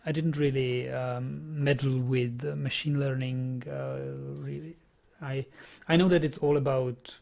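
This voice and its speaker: A young Czech man with a Czech accent chats casually during a programming live stream, often repeating words as he thinks aloud. His medium-pitched voice is gravelly and darkish, with a steady tone and measured pace.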